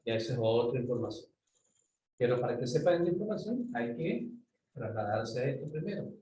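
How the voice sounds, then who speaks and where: A man's voice: mid-range voice, very animated, brisk, dark tone. A man giving an online university lecture, explaining step by step and often checking that students follow. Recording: roomy, distant mic, faint ambient noise.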